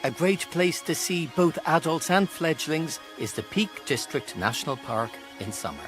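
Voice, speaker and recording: A male narrator with a slightly high voice reads a scripted nature guide. Music plays clearly behind him. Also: animated, normal speed.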